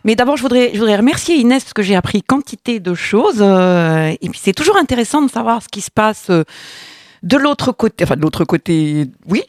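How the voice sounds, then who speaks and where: A woman's voice: medium pitch, a little mellow, dry recording, clean studio sound. A woman presenting her column on a casual radio chat show, talking in a playful, chatty way.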